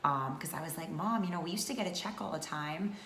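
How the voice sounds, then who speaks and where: A woman's voice: deep voice, a little fast, a bit bright. A woman in her thirties from North Georgia, chatting casually to camera as a vlogger with many fillers. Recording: echoey room with faint noise.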